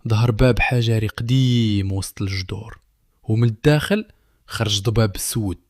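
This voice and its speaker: A man's voice: on the low side, moderate pace, a little mellow, no echo, studio quality. A man narrating a dramatic story. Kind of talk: scripted narration.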